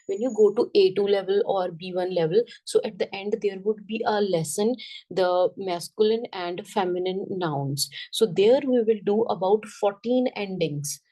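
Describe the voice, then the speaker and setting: A woman teaching a French lesson, repeating each word slowly and often checking that the class understands. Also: medium pitch, mellow, far from the mic, rough recording. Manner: patient, checks understanding with "got it?".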